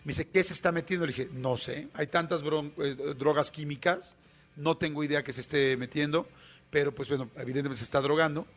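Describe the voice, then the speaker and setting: A man's voice: fairly high pitch, a little fast. A man with a Mexican Spanish accent, hosting a radio show and telling a vivid anecdote in a chatty, casual way. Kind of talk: casual on-air storytelling.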